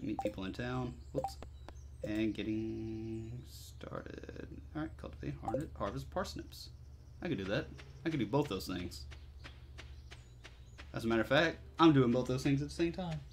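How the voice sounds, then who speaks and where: A man's voice: mid-range voice, background noise. A man giving casual let's play commentary, laid-back and muttering to himself in short phrases. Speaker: video game player and commentator.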